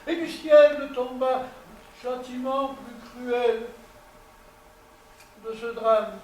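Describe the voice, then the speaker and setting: A man's voice: extremely high pitch, fairly even intonation, slow, darkish tone. A man playing a horrified, lamenting witness in a tragic melodrama, declaiming florid verse solemnly. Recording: very echoey, distant, faint noise.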